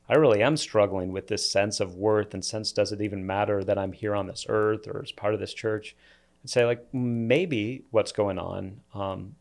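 A man's voice: on the low side, gravelly, a little mellow. A man, a pastor, talking in an earnest, reflective way in a casual church podcast discussion, often restarting his sentences.

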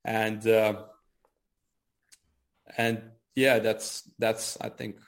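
Being interviewed about trading, which he both does and teaches, a laid-back guy in his early twenties speaks in a fairly low, level voice with drawn-out words. He repeats himself and leans heavily on "kinda" and "you know."

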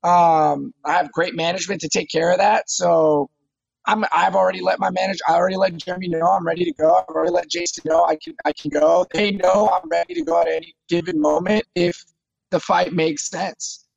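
A man in his thirties, an MMA fighter appearing as an interview guest, speaks casually and eagerly, often repeating words as he begins a phrase. His voice sits high and gravelly, moving a little fast, and the audio is dull.

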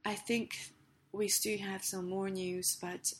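A woman hosting a business news podcast, reading a script haltingly in a rough, gravelly, hoarse voice. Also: mid-range voice, little pitch movement. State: hoarse with a sick, coughing voice.

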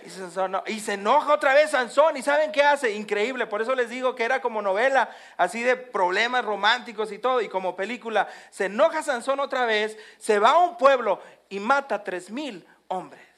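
A preacher retelling a Bible story, swinging between loud emphatic bursts and hushed endings. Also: medium pitch, normal speed, few pauses. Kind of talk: storytelling sermon.

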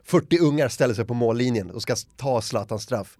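A man chatting casually on a podcast, telling an animated anecdote and acting out the shouts and quotes of the people in it. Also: mid-range voice, no echo, clean studio sound. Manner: lively anecdote teller, acts out shouts and quotes. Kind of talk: casual chat, animated storytelling.

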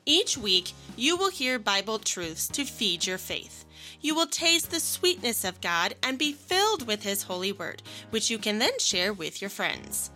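A woman's voice: medium pitch, very animated, unhurried, bright, forceful tone, soft background music. A woman hosting a children's devotional podcast, speaking sweetly and patiently like a Sunday school teacher who explains things simply.

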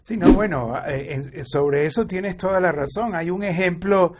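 High-voiced, hesitant male interviewer. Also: normal speed, heavy background noise. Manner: hesitant, many fillers and restarts. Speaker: interview host. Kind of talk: casual interview conversation.

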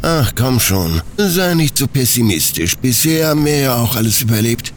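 A steady, wry smuggler captain, a woman who talks business in a raised, even tone, as a man reads her. Her delivery swings in lively curves while staying diplomatic. She belongs to an audiobook space adventure. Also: a little hiss or hum, natural voice. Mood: upbeat. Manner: raised pitch, measured and diplomatic.

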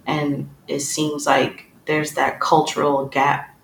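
Gravelly man interviewer in a roomy space. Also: on the high side, monotone, slow pace, fairly bright tone. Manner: loose, searching, heavy use of "like". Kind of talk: conversational interview. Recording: roomy echo with faint background noise.

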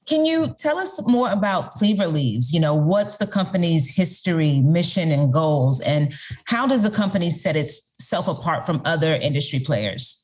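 Woman interviewer, low-pitched voice, upbeat and encouraging podcast host. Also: sing-song, moderate pace, a little mellow.

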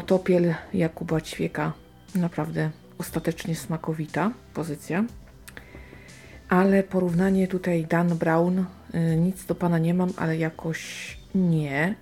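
A woman from Silesia gives casual, unscripted book commentary, thinking aloud with hesitant, drawn-out pauses. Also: on the low side, dark tone. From Silesia, Poland. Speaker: book reviewer.

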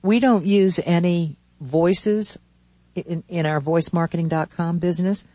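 A man in his seventies hosting a radio talk show from a studio, chatting casually in a rambling, halting way with many restarts. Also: on the high side, steady tone, warm tone, no room sound.

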